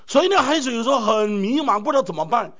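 A man delivering a sermon in a high, lively voice that leaps up and drops low again and again. He keeps turning to his listeners with rhetorical questions. The recording is dull and lo-fi. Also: fast. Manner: animated preaching with many rhetorical questions. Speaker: pastor.

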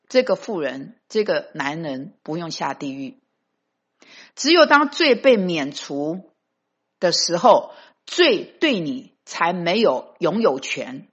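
A woman with a husky, somewhat low voice preaches a sermon. She speaks with emphasis and drops English phrases into her talk. The recording is dull and lo-fi. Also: fairly bright tone.

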